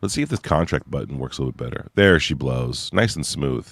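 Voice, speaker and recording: A man's voice: rumbling low, expressive, fast, a bit bright, no room sound. A young man casually walking through his website on screen, rambling and thinking aloud. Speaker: website creator giving a demo. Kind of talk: casual screen-share walkthrough.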